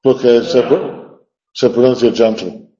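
Man, teacher, hesitant lecture, slow, mellow, lo-fi classroom sound. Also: on the low side. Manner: hesitant, full of fillers, explanatory. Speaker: literature teacher. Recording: dull lo-fi classroom recording.

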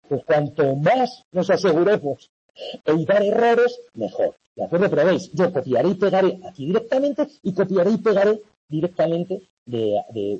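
A man's voice: fairly high pitch, dark tone, breathy edge, lo-fi sound. A man from tutoring an online university class, explaining coursework patiently and checking often that students follow. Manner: patient, repetitive, frequent "¿vale?" checks.

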